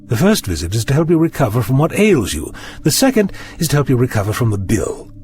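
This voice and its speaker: An actor playing an eccentric, eager and fussy time-travelling doctor in an audio drama, whimsical and wordy. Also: male voice, mid-range voice, huge pitch swings, fast talker, a little mellow, slight background noise. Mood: brisk, reassuring. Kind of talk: scripted audio drama acting.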